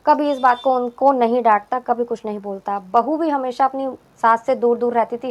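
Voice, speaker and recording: Woman storyteller, high-pitched voice, casual and conversational, loops back to repeat her phrases.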